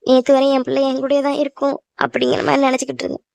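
A woman's voice: high voice, completely flat delivery, rapid-fire, gravelly, a little mellow, no echo. A woman voicing a worried, loving cartoon mother who fusses and pleads with her newly married daughter. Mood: tearful. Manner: fussing, emotional, pleading. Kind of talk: cartoon voice acting.

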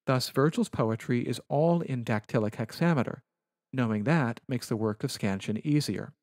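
A man giving a recorded Latin lecture over slides, explaining rules in a measured, precise manner. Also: mid-range voice, a little mellow, no room sound, studio quality.

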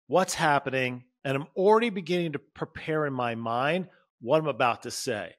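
A man's voice: medium pitch, animated, brisk. A man hosting a podcast as a relationship coach, talking straight to his listeners in a conversational motivational style and acting out little quoted moments. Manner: direct, addresses listeners as "you" and "guys". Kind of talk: motivational solo talk.

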